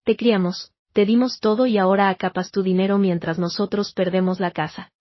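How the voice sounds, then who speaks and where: Woman reading as a stern older father, low and deliberate. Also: fairly even intonation, dry recording, dull audio, close to an everyday voice. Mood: accusing. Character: stern father, older man, pressing for money.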